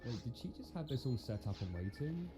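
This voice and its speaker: Sarcastic man reviewing films, lively delivery. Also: mid-range voice, a little fast. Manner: sarcastic, incredulous. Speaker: video commentator and film critic. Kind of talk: scripted film review commentary. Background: music.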